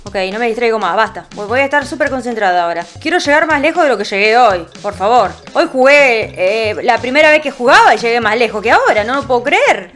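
A young woman giving excitable, chatty gameplay commentary to her viewers. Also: a little high, fast talker, few pauses. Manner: excitable, chatty, addresses viewers directly, hums along with game sounds. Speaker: gaming channel host. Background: faint game music.

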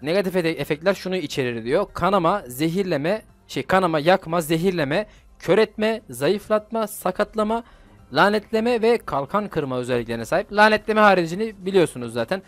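A young man giving slangy, chatty commentary while playing a mobile fighting game, with excitable bursts. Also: high voice, fairly quick, no echo, soft background music. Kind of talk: casual gameplay commentary.

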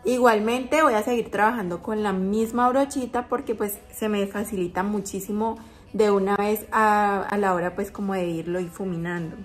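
A woman's voice: medium pitch, fairly even intonation, moderate pace, soft background music. A woman vlogger talking through a makeup tutorial, chatty and explaining each step as she goes.

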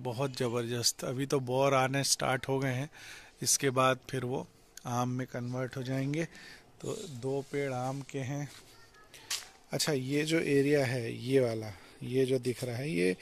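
A young man casually walking through his home garden with a handheld camera, explaining each plant in a relaxed way. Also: mid-range voice. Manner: relaxed, explanatory, mixes English words into Hindi. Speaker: vlogger giving a garden tour. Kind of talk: casual walk-and-talk garden tour. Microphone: handheld phone or action camera, point-of-view. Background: faint outdoor ambience.

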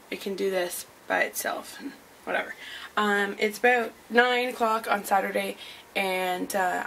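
A woman's voice: mid-range voice, gravelly, fairly bright tone, slight background noise, rough recording. A woman in her twenties chatting casually to her vlog camera, rambling along with frequent ums. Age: 20s. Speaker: vlogger.

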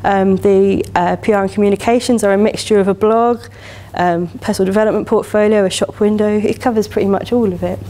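A woman in her thirties with an English accent, speaking from a lectern in a lecture hall as a conference keynote speaker. Her delivery is chatty and enthusiastic, peppered with "you know," at a fairly quick pace with hardly any pauses. Her voice is medium-pitched and dark, with fairly even intonation.

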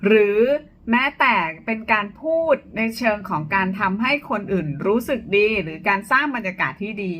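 A woman teacher walks through speaking tips in a clear, explanatory way, moving her tone up and down to show each point. Her voice sits a little high and rings very bright and sharp. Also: a little hiss or hum. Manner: clear, explanatory, shifts tone to demonstrate. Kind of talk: short instructional talk to camera.

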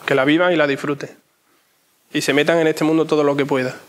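A young man gives conversational interview answers in a voice a little higher than average. He speaks in short phrases and often repeats them for emphasis. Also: flat delivery, quick pace. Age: young adult. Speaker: interview guest. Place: inside an ornate church.

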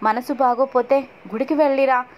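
A woman voicing a calm, comforting older sister figure who gives reassuring advice. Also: sits high, normal speed, lightly acted. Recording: dull lo-fi audio.

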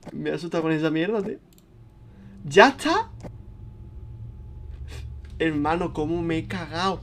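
A young man with a Spain Spanish accent, chatting casually and swearing as he plays a video game, turning panicky and loud when scared. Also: high-pitched, slight background noise. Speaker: gaming streamer. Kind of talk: casual let's-play commentary.

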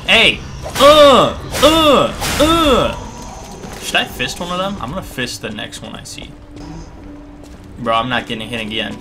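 A young man doing casual, jokey gameplay commentary, excitable, with sudden yelps and muttered asides. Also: mid-range voice, moderate pace, music in the background. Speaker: gaming streamer.

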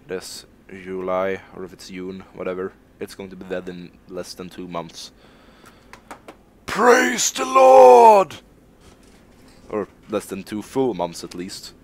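A man's voice: sits low, little pitch movement, normal speed, few pauses. A man from Sweden giving casual live-stream commentary while he plays a game, rambling, joking at his own expense and swearing casually. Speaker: gaming streamer.

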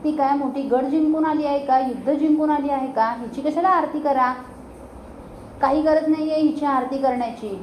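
A woman's voice: high voice, moderate pace, a little mellow, slight background noise, close to an everyday voice. A woman voicing a jealous, scheming young daughter-in-law who talks with scorn and bitterness. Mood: scornful.

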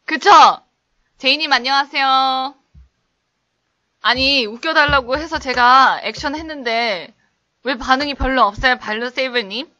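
Heard through a muffled recording, this young English teacher speaks at a measured pace with a bright, forceful tone. Her live stream is casual: she reads the chat and acts out playful skits in exaggerated high voices, laughing along the way.

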